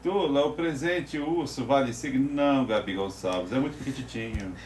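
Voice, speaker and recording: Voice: medium pitch, normal speed, a little mellow. A Brazilian-accented helper casually reading out comments and chatting on a livestream. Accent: Brazilian Portuguese. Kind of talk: casual chat. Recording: noisy room ambience.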